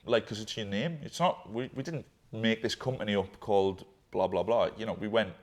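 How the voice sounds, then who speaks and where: Young man, lowish pitch, candid and rambling, casually swears; a business partner looking back with him. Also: fairly quick. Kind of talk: candid conversation.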